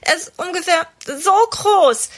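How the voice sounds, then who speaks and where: A woman's voice: unhurried, a bit bright. A woman voicing a small, tearful boy who is lost at a train station. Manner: high, sniffling, pleading.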